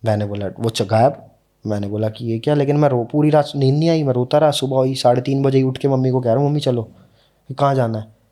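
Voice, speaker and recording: Young guy on a podcast telling his own story, mellow tone, earnest, slows down for the big moments. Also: medium pitch, steady tone. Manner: earnest, emotional retelling, slows down at key moments. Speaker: podcast guest. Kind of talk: casual storytelling.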